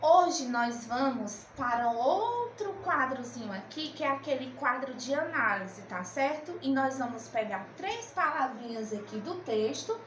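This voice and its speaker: Slow, high-voiced woman teacher. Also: expressive, fairly bright tone, roomy sound, slight background noise, low-quality recording. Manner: slow, coaxing, asks and answers her own questions. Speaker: primary school teacher. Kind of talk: remote literacy lesson.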